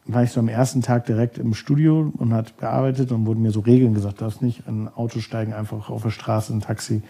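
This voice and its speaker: Mann mit dunkler, belegter Stimme. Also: male voice, lowish voice, flat delivery, quick pace, warm tone. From Germany. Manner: rambling, searches for words, many fillers. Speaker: podcast guest, photographer. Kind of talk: casual storytelling.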